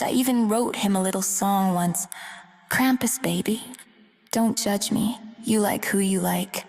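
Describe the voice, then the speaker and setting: A woman hosting and narrating a spooky story show in a whispered role-play, playful and teasing, with a breathy whisper. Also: mid-range voice. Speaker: host and storyteller. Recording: reverberant, with music behind.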